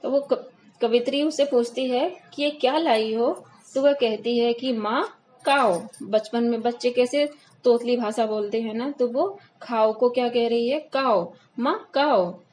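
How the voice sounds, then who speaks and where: A woman teacher reading a poem aloud slowly and explaining it line by line for students. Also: fairly high pitch, mellow, slight background noise, low-quality recording. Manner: reads verses slowly, then explains line by line. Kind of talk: Hindi poetry lesson, reading and explaining.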